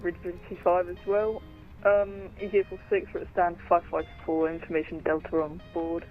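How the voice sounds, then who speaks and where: A man's voice: sits high, flat delivery, a little fast. A man playing an airline pilot on online flight-sim radio, making clipped calls to ground control over a narrow, tinny radio transmission. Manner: clipped aviation radio phraseology. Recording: tinny radio-channel audio, faint music behind.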